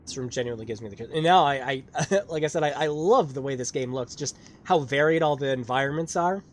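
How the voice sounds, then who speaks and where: A man's voice: mid-range voice, fairly quick, a little hiss or hum. A man streaming a game, talking casually, laughing often and swearing. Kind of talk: casual let's-play commentary.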